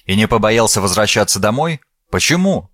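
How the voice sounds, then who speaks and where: A man's voice: on the low side, brisk, dry recording, clean studio sound. A man voicing a courteous, shrewd detective. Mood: calm. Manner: calm, courteous questioning. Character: polite, shrewd male detective. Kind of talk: audiobook character voice.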